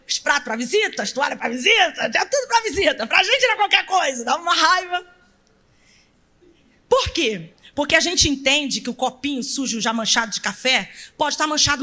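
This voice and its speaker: A middle-aged woman with a Brazilian accent preaching a sermon in a church. She tells stories animatedly, acts out family members and shouts for emphasis. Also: high-pitched. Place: church sanctuary.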